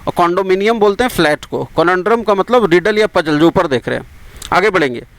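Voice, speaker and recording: A man with an Indian accent teaching English vocabulary for competitive exams. He explains each word in Hindi and repeats the English words slowly to drill their pronunciation. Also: high-pitched, expressive, fairly bright tone, no echo, low-quality recording. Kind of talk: vocabulary lesson for exam prep.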